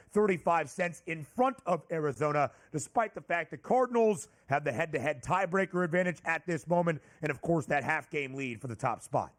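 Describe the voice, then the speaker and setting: High-voiced man breaking down betting odds. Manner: brisk, numbers-heavy analysis, leading the questions. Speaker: sports betting show host. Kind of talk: sports betting analysis chat.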